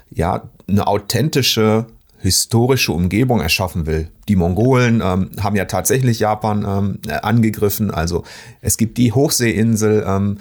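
Guy talking games, lowish husky voice, lots of ums and pauses. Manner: measured, frequent hesitations. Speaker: game critic. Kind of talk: casual discussion.

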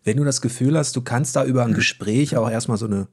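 A man's voice: medium pitch, quick pace, darkish tone, husky. A man, a journalist, speaking frankly and with opinions in a casual conversation.

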